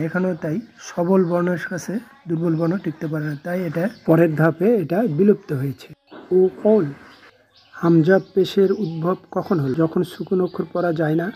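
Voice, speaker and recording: A man's voice: high-pitched, darkish tone, a little hiss or hum. A man teaching grammar step by step, reciting each word form in short phrases and then explaining its meaning.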